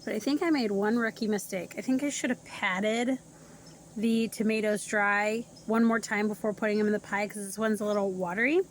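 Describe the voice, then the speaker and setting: A woman's voice: mid-range voice, fairly even intonation, fairly quick, a little hiss or hum. A woman from Indiana chatting enthusiastically to viewers in a casual home cooking vlog. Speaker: family farm vlogger. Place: home kitchen, then outdoors.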